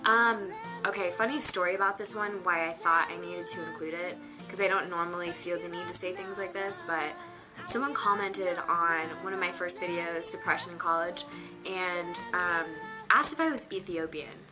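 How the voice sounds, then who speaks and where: Young woman, nineteen, lower voice; rambling casual vlog chat from her bedroom with background music. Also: normal speed. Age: teens. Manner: chatty, rambling with many fillers. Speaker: vlogger. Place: her bedroom on a rainy day.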